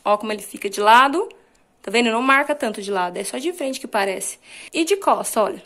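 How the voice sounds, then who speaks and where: A woman's voice: fairly high pitch, fairly quick. A woman in her thirties from Brazil, a fashion vlogger chatting casually about her shopping haul in a small room at home. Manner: chatty, lively, showing clothes to viewers. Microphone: camera at a short distance, then phone held at a mirror.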